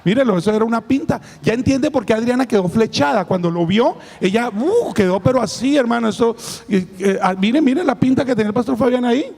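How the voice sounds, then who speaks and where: A man preaching in a church hall, his hoarse, gravelly voice sitting high for a man but dark in tone. He speaks with emphatic warmth, repeatedly calling out to his listeners as brothers. A long reverb from the hall trails his words. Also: lively intonation, brisk. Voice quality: hoarse, raspy voice. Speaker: pastor. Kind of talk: sermon testimony.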